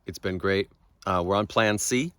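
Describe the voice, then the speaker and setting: An American man speaking as a guest on an outdoor bike trip video, talking in a thoughtful, wry, soft-spoken way. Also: low-pitched, normal speed, smooth, no room sound. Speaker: guest and local guide on the ride. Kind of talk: casual outdoor chat. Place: outdoors by a lake.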